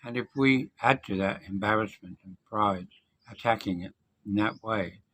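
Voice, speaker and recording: A man with missing teeth gives an unscripted, reflective advice monologue as a vlogger, speaking in a measured way with deliberate pauses. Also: fairly low pitch, a bit bright, low-quality recording.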